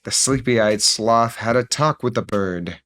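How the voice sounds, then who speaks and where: A man reads a picture book aloud on a relaxed stream, very slow and unhurried. His voice sits at a middle pitch, and he breaks off now and then for jokey, profane asides. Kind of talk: casual storybook reading on a stream.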